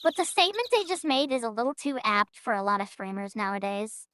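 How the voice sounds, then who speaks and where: A woman's voice: on the high side, very animated, a little fast, a bit bright, slight background noise. A woman streamer joking and swearing while reading through a video game. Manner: joking, profane. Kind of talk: casual game commentary.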